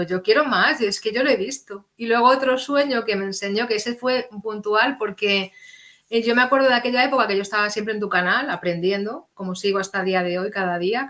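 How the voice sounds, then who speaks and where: A middle-aged woman, earnestly telling a personal story as an interview guest and acting out the dialogue. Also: fairly high pitch. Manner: earnest, animated, acts out quoted dialogue.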